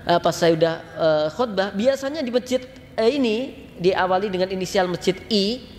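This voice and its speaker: A man with a Javanese accent preaching to a congregation in a lively, chatty storytelling style, mixing in local slang and speaking to the listeners directly. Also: high voice, moderate pace. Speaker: Islamic preacher. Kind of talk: casual storytelling sermon. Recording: long hall reverb, faint noise.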